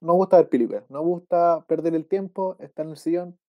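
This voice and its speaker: A man with a Chilean accent who co-hosts a casual film podcast, rambling in a relaxed way and often ending with slang tags. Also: on the high side, fairly quick, lo-fi sound. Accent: Chilean Spanish. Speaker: podcast co-host.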